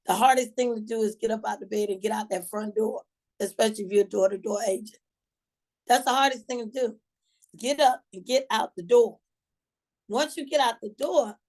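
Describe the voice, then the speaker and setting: Hosting a motivational call for her sales team, a woman from Georgia, USA, encourages the group like a team leader. She has a Georgia Southern accent and a slightly high voice with a darkish tone, and her talk is folksy and colloquial.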